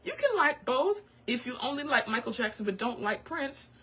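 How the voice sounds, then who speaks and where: A woman hosting a radio show, chatting in an animated, sassy way. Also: normal speed, slightly rough. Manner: animated, sassy, swoops into high excited squeals. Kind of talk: casual talk radio chat. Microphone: studio microphone.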